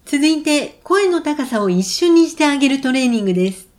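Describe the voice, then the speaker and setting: A woman leading vocal exercises, giving calm, clear and encouraging instructions. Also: high voice, fairly quick. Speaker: voice trainer.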